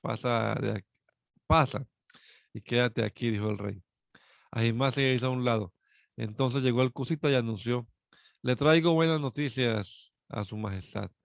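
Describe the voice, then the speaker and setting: A man reading a Bible passage aloud, steady and measured, sometimes correcting himself mid-phrase. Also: mid-range voice, gravelly, dry recording, studio quality. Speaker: scripture reader.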